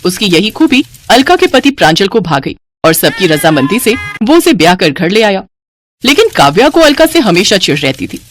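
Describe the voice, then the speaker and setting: A woman narrating an animated storybook in an expressive, dramatic manner. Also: medium pitch, moderate pace, a little hiss or hum.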